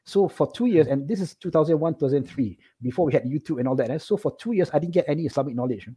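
As an interview guest, a middle-aged Singaporean man tells his own stories casually and animatedly, talking very fast and often checking in with "right?" His voice is a little high, mellow and soft-edged, with some huskiness and a breathy edge.

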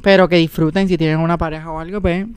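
A man's voice: a little high, level tone, fast talker, clear, resonant tone, dry recording. A Puerto Rican man hosting a casual podcast chat, blunt and prone to swearing, peppering Spanish with English slang. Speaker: podcast host.

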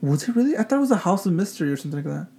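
A man's voice: high-pitched, sing-song, racing, creaky, mellow. A man chatting casually as a podcast co-host, with a nasal voice from a broken nose.

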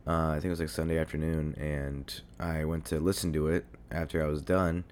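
Here a congested young man talks through his solo podcast at a fairly quick clip, his deep, hoarse voice showing little pitch movement and a darkish tone. He rambles, swears, and uses lots of fillers into a desk mic beside his home computer, with slight background noise.

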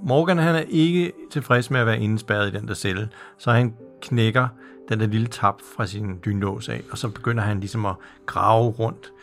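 A man's voice: lowish voice, a bit bright, faint music behind. A man in casual podcast chat, recapping a TV episode and agreeing along with his co-host in short replies.

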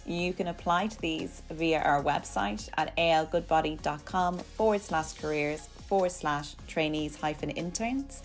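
Woman podcast host, low pitch, semi-scripted delivery, light music behind. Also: a little slow, hardly any pauses.

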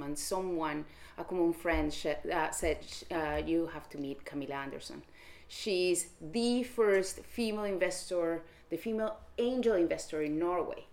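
A woman investor, a guest in a studio interview, telling her story in an animated way. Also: low-pitched.

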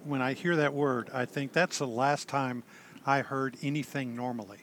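An older man, a retired army chaplain, telling his story in a halting, self-deprecating way with dry humor. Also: mid-range voice, steady tone, a bit bright, slight background noise. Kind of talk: conversational storytelling.

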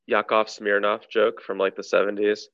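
Low gravelly guy hosting a sports podcast, dry dull lo-fi sound. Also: flat delivery, normal speed, a bit bright. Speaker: podcast host. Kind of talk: casual sports chat.

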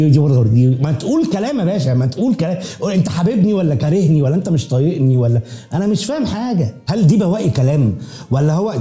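Man, Egyptian accent, podcast host, comic monologue, rapid slangy delivery, faint background music. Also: on the high side. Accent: Egyptian Arabic. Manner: animated, slangy storytelling with mimicked voices.

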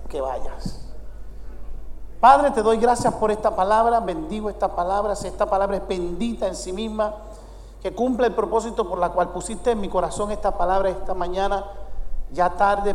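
A high-pitched pastor in his fifties from the United States, with a Puerto Rican Spanish accent, preaches a sermon and uses call-and-response with his congregation. The church sanctuary's large hall gives the recording a long reverb.

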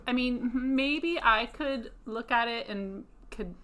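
A woman's voice: a little high, takes it slowly, a bit bright. A woman co-hosting a casual podcast, chatty and agreeable, with lots of "like". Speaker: podcast co-host. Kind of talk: casual chat.

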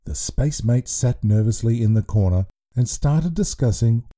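A man reading a children's story aloud in an expressive, playful way. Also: mid-range voice, moderate pace. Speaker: narrator.

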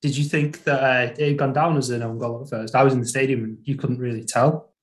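Male host, average pitch, informal football chat with co-presenters. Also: steady tone, fast. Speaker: podcast host.

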